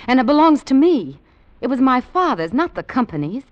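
A scheming, practical young woman from Virginia, brisk and earnest as she presses her case. Her pitch swings widely. The sound is muffled and lo-fi, like an old film reel. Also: big pitch swings, dry recording. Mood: urgent, earnest.

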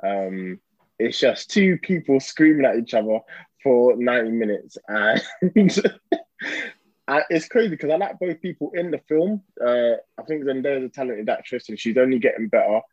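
A man's voice: medium pitch, lively intonation, moderate pace, a little mellow, dry recording, muffled recording. A man with a London accent hosting a podcast in casual, slangy chat. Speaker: podcast host.

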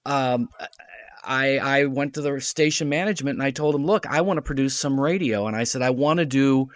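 A middle-aged man who writes and directs radio plays tells stories casually as a podcast guest, chatty and fond of recounting conversations in quoted dialogue. His mid-range voice moves fairly quickly. The studio sound is clean, with no echo.

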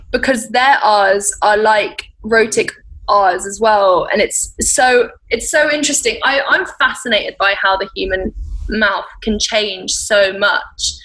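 A woman's voice: medium pitch, measured pace, a bit bright, low-quality recording. A young woman chatting as a podcast guest, rambling along with many fillers and restarts. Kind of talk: casual interview chat.

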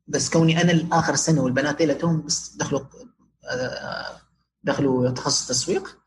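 A man's voice: fairly high pitch, fairly even intonation, fast, slight background noise, rough recording. A young Omani man telling personal stories casually as an interview guest, his Omani Arabic sprinkled with English words. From Oman. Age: young adult.

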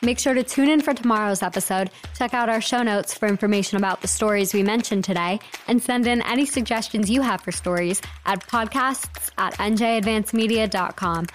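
A woman's voice: mid-range voice, fairly quick, few pauses, a little hiss or hum. A young woman hosting a short news podcast, reading a script in a playful, wry way with jokey asides.

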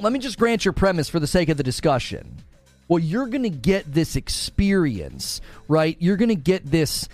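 A man's voice: on the high side, darkish tone. A man from Northern Ohio on a live stream, bantering playfully with chat and laughing often. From Northern Ohio, USA. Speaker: gaming streamer.

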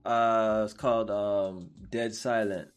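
A man's voice: fairly low pitch, steady tone, takes it slowly, clear, resonant tone, soft background music. A man hosting a podcast, chatting casually with a guest in an upbeat, affirming, slangy way. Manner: hype, affirming, slangy, laughs loudly. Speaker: podcast host. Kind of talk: casual interview chat.

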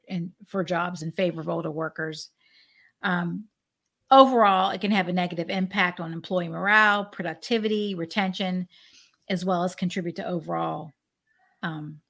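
A woman's voice: fairly low pitch, vocal fry, fairly bright tone. A woman in her forties co-hosting a casual podcast chat, reading from notes and rambling into anecdotes with many restarts. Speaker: podcast co-host.

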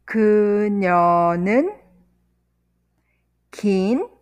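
A woman teaching vocabulary, saying each word slowly and deliberately, repeating words and sentences one piece at a time. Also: medium pitch, animated, a little mellow, clean tone. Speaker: language teacher. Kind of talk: vocabulary lesson with repetition.

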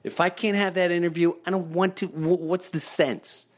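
A man's voice: high voice, fairly even intonation, normal speed. A middle-aged man hosting a baseball fan show, telling stories in a casual, informal way with emphatic repetition and acted-out quotes. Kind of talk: casual chatty storytelling to the audience.

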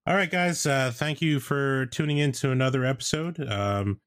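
A man co-hosting a podcast in casual chat, talking in a loose, halting way. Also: mid-range voice, fairly bright tone, no room sound, studio quality. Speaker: podcast co-host. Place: indoors at home.

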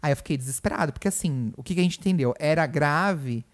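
Um homem com sotaque brasileiro, co-apresentador de podcast, conversando de forma casual num quarto de hospital e contando tudo com emoção. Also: male voice, fairly high pitch, fast. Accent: Brazilian Portuguese. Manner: chatty, emotional storytelling full of "né" and "gente". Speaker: podcast co-host. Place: hospital room.

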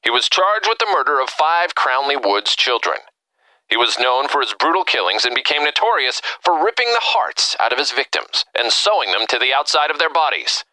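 A man's voice: medium pitch, very animated, moderate pace, bright, forceful tone, no echo, rough recording. An actor playing a formal male radio news announcer breaking into a program. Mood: grave. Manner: crisp formal bulletin delivery.

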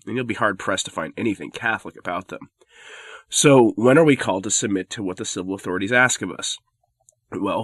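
In a dry, clean studio recording, a man with a stuffy head cold hosts his own opinion commentary show, voice on the low side and a bit bright. His manner is firm and argumentative, with the odd sardonic touch.

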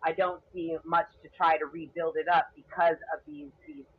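A woman's voice: sits low, little pitch movement, breathy edge. A woman with a muffled, distant sound, explaining her point at length in a group discussion on an online call. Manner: measured, explanatory, talks in long sentences. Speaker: panel participant.

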